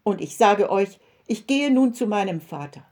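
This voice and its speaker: Calm steady jesus in a kids bible story, read by a woman. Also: mid-range voice, normal speed, lightly acted. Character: calm, firm male Jesus.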